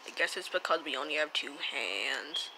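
A woman's voice: low-pitched, animated, moderate pace, background noise. Bouncy woman doing plush toy role-play. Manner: chatty, bouncy, voices many toys. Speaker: plush toy video creator.

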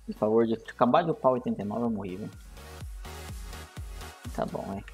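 A man's voice: on the low side, animated, quick pace, a little mellow, faint music behind. A man with a Brazilian Portuguese accent, chatting casually to viewers while streaming a game over a headset microphone. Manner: slangy, laid-back chatter to viewers. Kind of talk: casual gameplay commentary on a livestream. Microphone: livestream headset microphone.

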